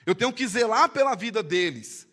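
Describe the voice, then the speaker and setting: A man with a Brazilian Portuguese accent, a pastor preaching a sermon in church, swinging between loud emphatic lines and hushed storytelling. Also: sits high, animated, normal speed. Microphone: live-streamed church service mic.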